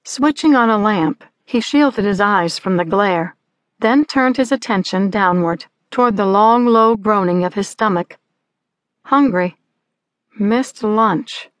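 A woman narrating literary fiction in a measured, unhurried voice. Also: medium pitch, no echo, studio quality. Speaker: audiobook narrator.

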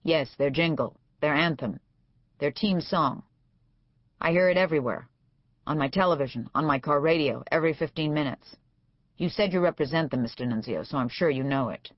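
A woman's voice: low-pitched, normal speed, no echo. A woman reading as a sarcastic bullying judge. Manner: sarcastic, domineering. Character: sarcastic bullying older male federal judge. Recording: dull dry studio sound.

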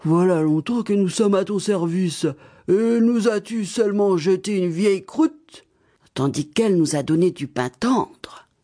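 A woman's voice: medium pitch, a little slow, dark tone, close to an everyday voice. Woman doing complaining hungry storybook dogs. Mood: aggrieved. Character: pair of thin hungry dogs.

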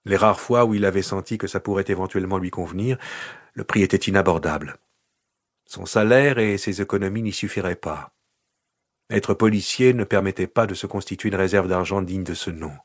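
A man reads an audiobook with measured, even narration. His voice sits on the low side, and the recording is close and dry, with no room sound. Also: no echo. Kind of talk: scripted narration.

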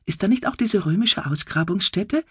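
Brief: unflustered young office worker, bright and raised, as a woman reader plays her. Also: medium pitch, normal speed, husky, no echo, clean studio sound, pitched above the performer's own voice. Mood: calm. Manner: calm, unflustered. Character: calm young female office assistant.

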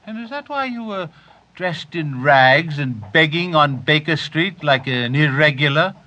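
An actor playing a pompous, long-winded Victorian doctor and narrator in a comic audio theater parody, speaking in wordy, stuffily formal phrases. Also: male voice, on the high side, expressive, a little slow, pushed and bright, slight background noise. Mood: questioning.

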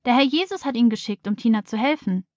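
A woman's voice: fairly high pitch, lively intonation, fast, a little mellow, dry recording, studio quality, pitched above the performer's own voice, lightly acted. Woman as devout young girl, earnest and sincere, light raised voice, storybook. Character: calm, trusting, devout little girl.

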